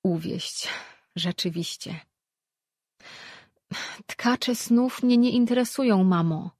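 A woman's voice: mid-range voice, slow, darkish tone, no echo, studio quality. A narrator voicing a young woman healer-priestess who answers her mother in a matter-of-fact, dryly patient way, in an audiobook. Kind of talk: audiobook character reading.

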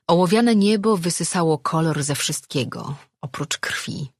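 Husky-voiced audiobook narrator. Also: medium pitch, measured pace, dry recording, studio quality. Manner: steady storytelling.

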